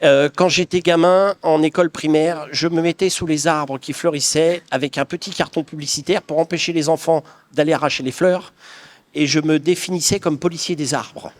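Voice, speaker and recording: A man's voice: fairly high pitch, fairly even intonation, normal speed. A middle-aged man from the Paris region, answering interview questions in an earnest, reflective way with frequent restarts. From Paris region of France. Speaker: craftsman guest.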